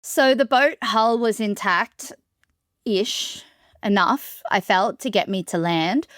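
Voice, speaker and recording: A woman who is a solo sailor, telling the story of her ordeal in an interview in a steady, matter-of-fact way. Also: mid-range voice, slow pace, dry recording, studio quality.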